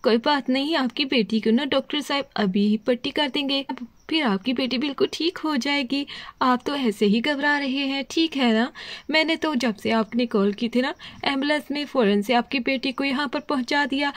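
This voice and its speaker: A gentle ambulance doctor in a children's doll story, played by a woman, soothing and reassuring with a high voice. The sound is dry and close. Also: moderate pace, dry recording, close to an everyday voice. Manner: soothing, repeats "ठीक है ना" to reassure.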